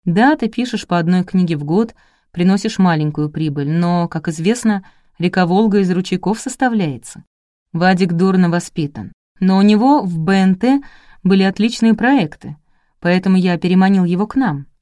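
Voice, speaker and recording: A woman reading the part of a gruff, commanding male publisher boss in an audiobook, blunt and bossy. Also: sits high, normal speed, a little mellow, no echo, studio quality, close to an everyday voice. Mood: brusque.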